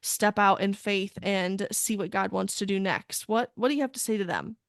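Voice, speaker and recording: A woman's voice: medium pitch, normal speed, vocal fry, dry recording, studio quality. A woman hosting a faith-based podcast interview. She talks in a gushing, enthusiastic way with frequent exclamations. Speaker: podcast host.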